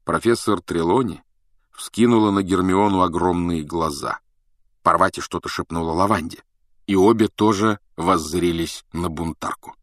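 A man reading a story aloud as an audiobook narrator, in an even, measured storytelling way. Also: low-pitched, dry recording, clean studio sound. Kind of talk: scripted narration.

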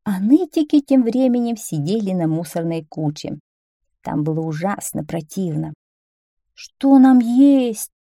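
Woman reading kids story aloud, animated, mellow voice, dry close sound. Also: on the low side, moderate pace, no room sound.

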